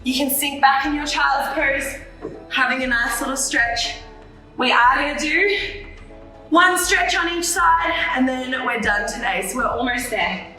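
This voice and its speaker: A woman's voice: high voice, measured pace, sharp tone. A woman leading a follow-along pilates workout, upbeat and encouraging, counting down reps and a little out of breath. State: slightly out of breath. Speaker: pilates instructor. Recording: roomy echo, distant from mic, faint music.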